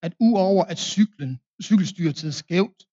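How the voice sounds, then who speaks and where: A man's voice: high voice, dark tone, highs cut off. A man preaching a confirmation sermon in a Danish accent, telling a plain story with fillers and restarts.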